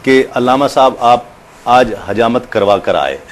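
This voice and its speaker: A male television host leading a relaxed studio chat, teasing his guests and laughing often. His voice sits at an ordinary pitch, with a faint hum of noise behind it. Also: a little slow.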